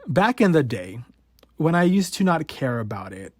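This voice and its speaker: In a fairly high, slightly rough, sing-song voice, a man in his twenties hosts a podcast and talks frankly about his life, full of swearing. He keeps a measured pace and stutters with repeated words and cut-off sounds. The audio is studio quality with no echo.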